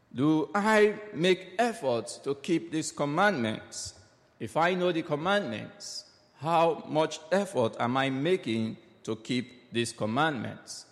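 A man reading scripture and preaching at Mass, with a somewhat high voice and a slow, solemn, deliberate pace. His words ring out in a long cathedral echo that trails behind each phrase. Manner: slow, measured, solemn delivery. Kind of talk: gospel reading and homily. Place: large church. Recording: long echoing church reverb.

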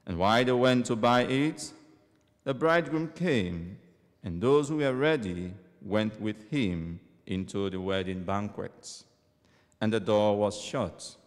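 Slow priest in echoing church. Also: male voice, lowish voice. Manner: measured, deliberate delivery. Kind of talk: gospel reading and homily. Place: large church. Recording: long church reverb.

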